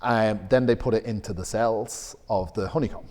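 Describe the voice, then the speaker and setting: Male co-host, low voice, rambling explainer, long reverb on the recording. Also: steady tone, moderate pace, darkish tone. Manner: explanatory, hesitant restarts, laughs at own jokes. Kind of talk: casual podcast chat.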